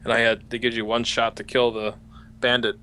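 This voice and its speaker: A man's voice: mid-range voice, level tone, fairly quick, pushed and bright, a little hiss or hum. A man co-hosting a gaming podcast, joking and teasing his friends in casual chat. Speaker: podcast co-host.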